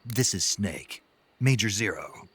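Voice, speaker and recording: An actor playing a gruff, terse special forces soldier in a video game, intense and bitter, with a raspy voice. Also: male voice, on the low side, expressive, slow, a bit bright, exaggerated voice. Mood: tense. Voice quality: gravelly, raspy. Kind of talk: dramatic video game dialogue.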